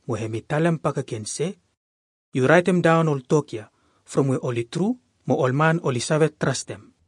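A man's voice: on the high side, moderate pace, slightly rough, dry recording, clean studio sound. A man with a Melanesian Pidgin accent, reading Bible verses aloud as a scripture reader.

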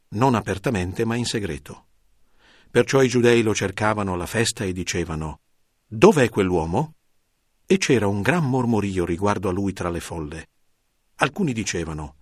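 A man narrating a scripted Bible reading in a steady, even way. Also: on the low side, no echo, studio quality.

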